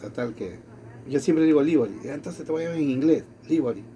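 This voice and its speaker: A man's voice: fairly high pitch, fast, a little hiss or hum. A man from Latin America casually telling a personal story, acting out the quoted dialogue. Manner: animated, acts out quoted dialogue. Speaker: storyteller in conversation.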